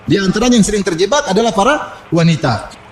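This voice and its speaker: Lively high-voiced preacher. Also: male voice, quick pace, a little hiss or hum. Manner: animated preaching with humorous asides and quoted Arabic. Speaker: Islamic preacher. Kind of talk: sermon.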